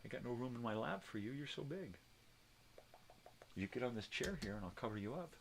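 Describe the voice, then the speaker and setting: An older vlogger talks casually from a room in his home, folksy, salty and prone to rambling. He sounds medium-pitched, animated, brisk and gravelly. Background noise is noticeable.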